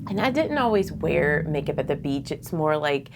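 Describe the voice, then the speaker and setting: Here the same kind of casual makeup chat comes from a woman with a deep, sing-song voice moving at normal speed over background noise. Slightly nasal and stuffy, she fills her get-ready-with-me talk with lots of fillers.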